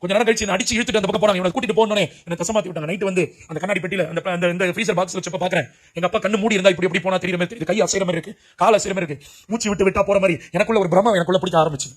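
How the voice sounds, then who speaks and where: A man's voice: sits high, rapid-fire. A man preaching an emotional testimony sermon, speaking with urgency and crying out to young listeners. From Puducherry, India. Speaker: preacher giving his testimony.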